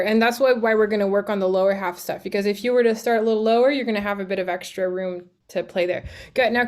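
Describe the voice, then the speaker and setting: A woman's voice: mid-range voice, a little mellow. Chatty woman coaching a music student. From Canada. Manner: encouraging, chatty, many fillers and sung examples. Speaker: music teacher. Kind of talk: coaching a student in a studio class.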